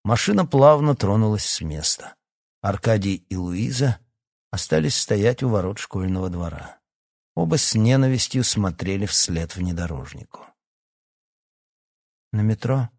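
Male audiobook narrator, low voice, measured delivery, dry close sound. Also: animated, vocal fry, darkish tone, dry recording. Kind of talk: scripted narration.

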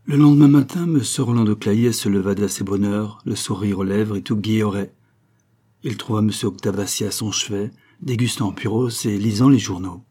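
A man reading a novel aloud as audiobook narrator, measured and even. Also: lowish voice.

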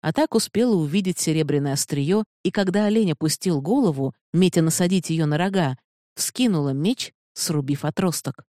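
An audiobook narrator reading a fantasy novel in a measured, steady way, close to the mic. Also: medium pitch, no room sound.

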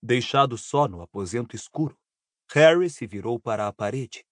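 A man narrating an audiobook in a steady, even storytelling voice. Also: medium pitch, normal speed, no echo, studio quality. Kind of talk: scripted narration.

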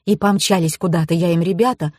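A woman reading an audiobook, voicing an excitable, dramatic young woman who talks shrilly and in a rush. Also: quick pace, no room sound, clean studio sound, close to an everyday voice. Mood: indignant. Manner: shrill and breathless, higher pitched.

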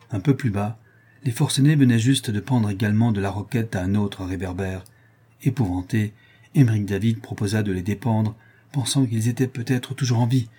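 Une narration de livre audio par un homme à la voix grave et feutrée, au grain légèrement rauque, lisant avec calme et mesure. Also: male voice, fairly low pitch, husky. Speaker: audiobook reader. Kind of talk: scripted narration of a historical novel.

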